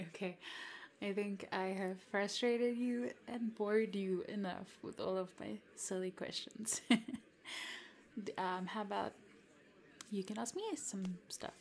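A South African content creator in her 20s, whose first language is Afrikaans, chats to a follower in a roleplay addressed to the listener. She is giggly, hesitant and soft-spoken, sometimes dropping to a whisper. Her voice is mid-range with vocal fry.

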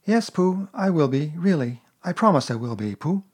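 A man's voice: fairly high pitch, sing-song, normal speed, a little mellow, slightly rough, pitched above the performer's own voice. Earnest little boy, as a man puts him on.

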